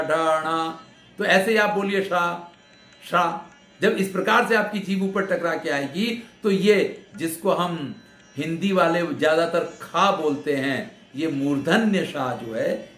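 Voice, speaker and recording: A man teaching Sanskrit grammar, slowly demonstrating each sound, repeating syllables and checking that students follow. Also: on the high side, a bit bright. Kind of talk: explanatory lecture. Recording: echoey room with faint music.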